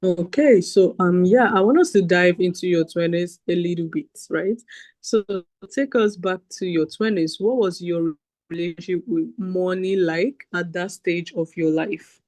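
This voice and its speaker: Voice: mid-range voice, measured pace, a little mellow, dry recording. A podcast host who introduces the guest and asks questions in an upbeat, chatty way with fillers. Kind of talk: casual podcast interview.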